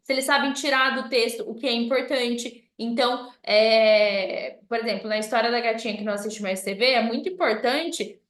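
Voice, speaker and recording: A woman's voice: a little high, moderate pace, few pauses, a bit bright. A woman giving an informal lesson to parents, chatty and often checking in with "tá?". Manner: conversational, often ends points with "tá?". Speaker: children's educator speaking to parents. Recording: roomy echo.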